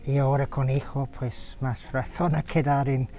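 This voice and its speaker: A man from Australia with an Australian accent, answering interview questions in halting second-language speech full of fillers and restarts. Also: mid-range voice, little pitch movement, mellow. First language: English. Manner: hesitant, many fillers and restarts. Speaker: interviewee, photographer.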